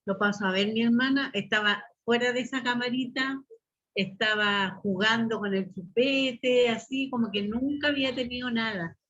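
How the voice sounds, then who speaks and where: A woman's voice: on the high side, moderate pace, a bit bright. A woman with a Chilean Spanish accent giving a personal testimony at a church meeting, telling her story and calling her listeners brothers and sisters. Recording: muffled lo-fi recording.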